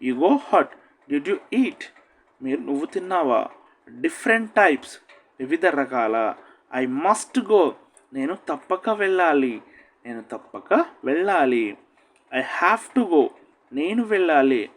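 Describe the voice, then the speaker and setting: A man teaching spoken English, saying each phrase slowly and with stress, then giving its meaning in a lower, quicker voice. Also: animated. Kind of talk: slow, deliberate English-Telugu phrase drills.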